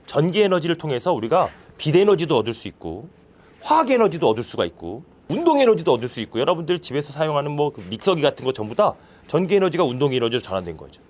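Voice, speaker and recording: A man teaching a science lesson to children in a classroom, playful and quizzing his pupils with quick questions. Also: a little high, very animated, a little mellow.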